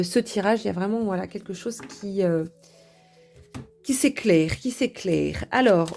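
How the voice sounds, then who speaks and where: Lady reading tarot cards, lots of euhs, mid pitch voice, faint music under it. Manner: hesitant, many fillers, gentle and chatty with viewers. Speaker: tarot reader.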